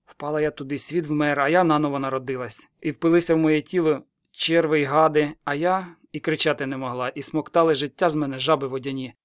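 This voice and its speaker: An old village witch in a storybook, muttering her eerie spells and memories in one unbroken, breathless stream, as a man reading the tale puts her on. The voice sits a touch higher than usual and runs quickly, with a loud, dry, close sound. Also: steady tone, clean tone, no echo, natural voice. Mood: ominous. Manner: breathless muttering incantatory ramble.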